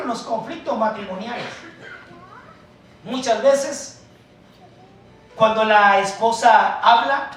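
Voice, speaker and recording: A man preaching a sermon as pastor, calling the congregation brothers, swinging from soft asides to loud emphasis. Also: high voice. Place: church hall. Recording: echoey church hall, mic far off.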